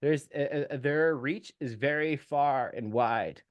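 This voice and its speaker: A man's voice: mid-range voice, measured pace, dry recording. A man speaking as a guest nutrition expert in a casual podcast interview, explaining in a technical way with frequent fillers.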